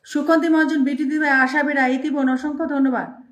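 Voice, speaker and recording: A woman's voice: high voice, steady tone, fairly quick, a bit bright, reverberant. A woman hosting a live stream, reading out viewer names and thanking them one after another in speech.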